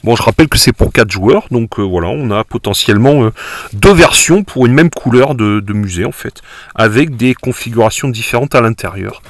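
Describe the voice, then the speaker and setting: A man's voice: mid-range voice, lively intonation, brisk, no room sound. A man casually narrating a board game unboxing, hesitant and self-correcting, full of fillers and admiring remarks.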